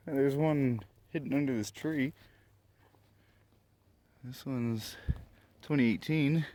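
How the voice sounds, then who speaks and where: A man with a fairly high, slightly mellow voice and some vocal fry vlogs as he explores a graveyard outdoors at night. His commentary is casual, off-the-cuff and fragmented, captured on a noisy handheld recording with clicks.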